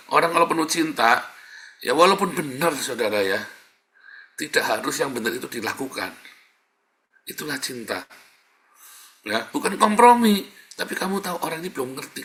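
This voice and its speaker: Forceful, bright-voiced pastor preaching. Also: male voice, mid-range voice, slight background noise. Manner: swings between loud outbursts and soft asides, addresses listeners as "saudara"; blunt, colloquial, scolding. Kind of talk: sermon.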